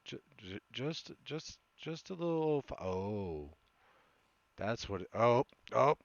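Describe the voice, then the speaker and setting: A man with a gravelly, medium-pitched smoker's voice and an occasional cough chats casually while streaming gameplay. He talks slowly but animatedly, rambling and hesitant, and makes fun of himself. The lo-fi recording has no room sound.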